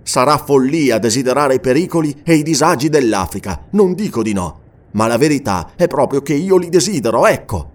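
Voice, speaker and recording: A man voicing a restless, adventurous English gentleman in an audiobook, talking in a lively, emphatic, raised voice. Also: medium pitch, a little fast, natural voice. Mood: earnest. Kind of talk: audiobook character reading.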